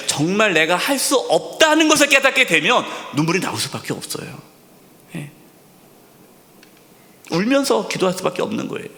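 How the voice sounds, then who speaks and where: A male senior pastor preaching a sermon, asking rhetorical questions, repeating key words, and dropping to a soft near-whisper for emphasis. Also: medium pitch. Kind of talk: sermon at a Friday prayer service. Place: church sanctuary. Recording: long hall reverb in a church sanctuary.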